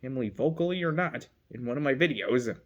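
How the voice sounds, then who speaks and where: A fandom video creator rambles off the cuff in casual commentary, giggling, correcting themselves often, tossing in asides and breaking into laughter. The mid-range voice is animated and fast, though the audio sounds dull.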